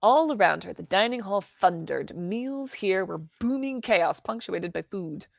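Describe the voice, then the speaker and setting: A woman reading a novel aloud as a storyteller, in an even, unhurried way. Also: medium pitch, creaky, no echo. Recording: dry, dull lo-fi recording.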